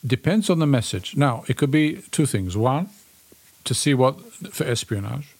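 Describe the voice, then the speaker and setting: A man's voice: mid-range voice, expressive, moderate pace, creaky, darkish tone, husky. A man co-hosting a podcast, discussing in short, repeated declarative sentences. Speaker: podcast co-host.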